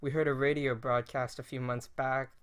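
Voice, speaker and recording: A man's voice: medium pitch, flat delivery, moderate pace, clear, resonant tone, lightly acted. A man voicing a guarded, terse young man protecting his pregnant girlfriend. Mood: weary. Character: wary young man, protective boyfriend, blunt.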